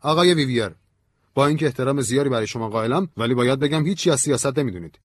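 A man's voice: medium pitch, animated, dry recording, studio quality, voice pushed up, close to an everyday voice. A man voicing a stiff, defensive school principal in an audiobook story. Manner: quick, defensive.

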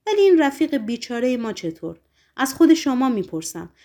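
A woman's voice: high voice, very animated, mellow, pitched above the performer's own voice. A woman reading aloud, voicing a sly, showy male con man who makes mocking, whining speeches.

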